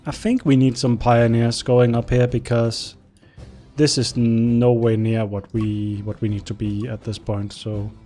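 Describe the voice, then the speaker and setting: With soft music playing behind him, this young native Danish speaker chats through his strategy game let's-play, musing aloud and addressing his units. He has a medium pitch with little movement, speaking unhurriedly in a mellow tone.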